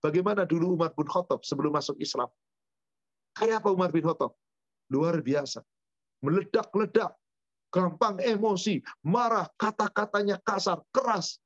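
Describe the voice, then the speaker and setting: A man's voice: high voice, no room sound. A man teaching at a religious study session, answering questions with rhetorical questions and spoken lists. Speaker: Islamic teacher. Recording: dull dry lo-fi sound.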